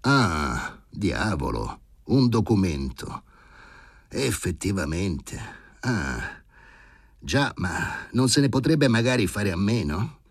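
A man voicing an exasperated elderly male professor surgeon who talks slowly and with fussy indignation, in an audiobook reading. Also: fairly low pitch, very animated, husky, no room sound, studio quality, full character voice. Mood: weary.

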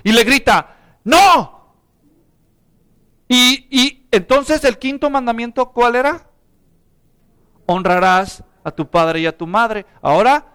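A man's voice: high-pitched, fairly bright tone, smooth. A middle-aged man, a pastor, preaching a sermon and asking the congregation rhetorical questions.

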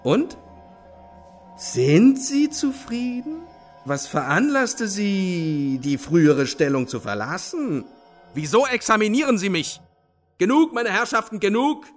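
A man's voice: a little high, very animated, slow pace, darkish tone, soft background music, pitched above the performer's own voice. A man playing an arrogant, condescending young officer in a radio play, speaking in a haughty, declamatory way. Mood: indignant.

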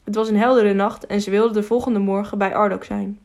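A woman reads a children's adventure audiobook aloud with steady, measured storytelling. Her voice sits in the middle pitch range for a woman. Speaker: audiobook narrator. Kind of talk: scripted narration.

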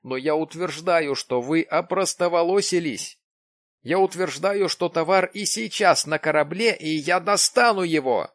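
Man doing a pushy excitable businessman. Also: a little high, unhurried, no echo, pitched above the performer's own voice. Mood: insistent. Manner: emphatic, exclaiming. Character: excitable middle-aged businessman, pushy and insistent.

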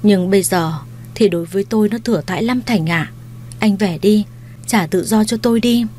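A woman's voice: medium pitch, moderate pace, dark tone, a little hiss or hum, natural voice. A woman voicing a weary, defiant young wife. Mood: cold. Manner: cold, firm refusal.

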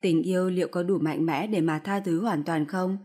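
A woman narrating a story in first person with a steady, expressive reading. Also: on the low side, normal speed.

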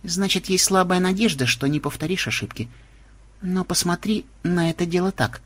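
A man's voice: high-pitched, moderate pace, fairly bright tone, no room sound, voice pushed up. A man voicing a cunning, bossy young woman rogue in a storybook, speaking curtly and wryly. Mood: sour, preachy. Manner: curt, commanding, wry.

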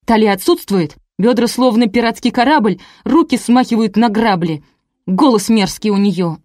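A woman narrating an audiobook takes on the role of a jealous, hysterical wife, shrieking insults with shrill fury. Her fairly high, darkish voice stays close to an everyday sound at a moderate pace. It's a clean studio recording with no room sound.

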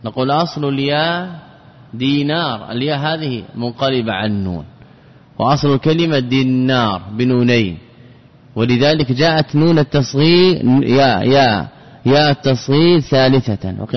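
Male teacher, patient drilling delivery, lo-fi recording in a reverberant hall. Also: medium pitch. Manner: repeats words slowly and drills each example. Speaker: teacher of Arabic grammar. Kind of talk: classroom lesson.

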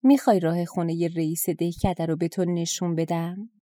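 Woman doing a polite little storybook mouse, slow and courteous, soft low voice. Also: fairly even intonation, no echo, studio quality, lightly acted. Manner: polite, then slow and ominous. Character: small polite talking mouse.

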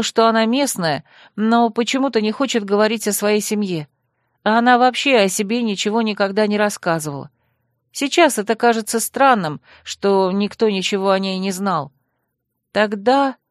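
A woman voicing a weary young orphaned heroine who speaks quietly and plainly in an audiobook. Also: mid-range voice, moderate pace, no room sound, clean studio sound, close to an everyday voice. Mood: tired, earnest. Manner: quiet, tired, straightforward.

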